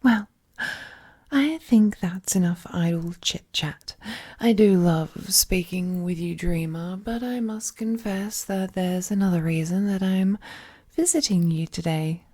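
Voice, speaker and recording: A woman plays an all-powerful, ruthless, possessive figure in an intimate audio drama, her languid affection tinged with condescension and often dropping to a breathy whisper. She speaks somewhat low and a little slowly with a dark tone, sounding doting but uneasy.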